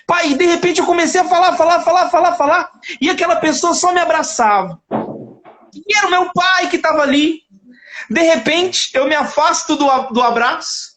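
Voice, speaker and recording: A man with a notably high voice shares his faith testimony as a guest in a live chat. He tells it with animation, acting out each exchange and breaking into laughter along the way. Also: moderate pace. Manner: animated storyteller who acts out dialogue and laughs often.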